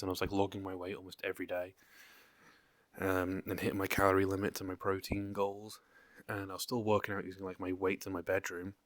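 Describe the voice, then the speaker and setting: Low, flat-voiced breathless young man. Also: no echo. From England. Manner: rambling, swears freely, many fillers. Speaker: vlogger. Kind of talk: unscripted casual vlog.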